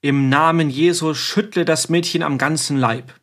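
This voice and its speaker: A man's voice: steady tone, normal speed, fairly bright tone. A man playing a stern exorcist priest. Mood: commanding. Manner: preaching, commanding, rising in pitch as he scolds. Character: stern male priest exorcist, commanding and scolding.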